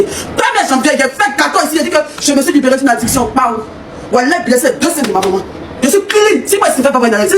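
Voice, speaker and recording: A woman's voice: high voice, roomy sound, recorded from a distance, a little hiss or hum. A woman with an Ivorian French accent, ranting accusingly in a heated live stream, repeating herself and laughing scornfully. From Côte d'Ivoire. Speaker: social media personality.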